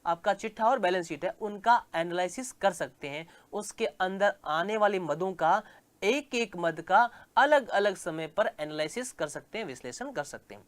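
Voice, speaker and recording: A male commerce teacher lectures, slowly repeating key terms and posing questions to the class that he then answers himself. His voice sits high and is expressive.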